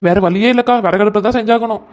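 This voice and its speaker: A woman's voice: mid-range voice, fast talker, darkish tone, close to an everyday voice. A woman voicing a cheeky, teasing young village woman in a comic cartoon. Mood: resigned. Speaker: cartoon voice actor.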